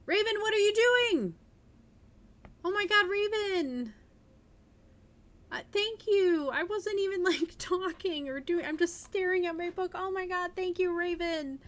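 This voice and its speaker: Speaking a little slowly, a woman with a very high, fairly bright voice runs a livestream. She mixes storytelling-style reading aloud with relaxed chatter to her viewers.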